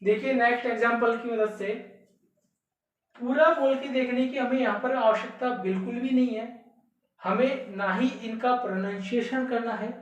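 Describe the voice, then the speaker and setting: Heard from far off the mic in an echoey room with lo-fi sound, a woman whose voice is on the high side teaches an exam prep lesson. She explains things step by step, repeating key words and asking rhetorical questions.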